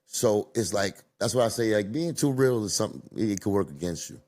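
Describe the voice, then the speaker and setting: A man's voice: fairly low pitch, animated, brisk, darkish tone. A man from Cuba hosting a podcast, telling stories in casual street slang with emphatic delivery. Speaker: podcast host. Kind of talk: casual chat.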